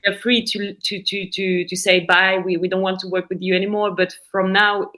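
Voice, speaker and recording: A woman's voice: medium pitch, level tone, moderate pace, bright, forceful tone, poor audio. Earnest French woman gallerist. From France. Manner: earnest, repeats words, laughs lightly. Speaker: guest, gallery co-founder. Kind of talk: casual interview chat.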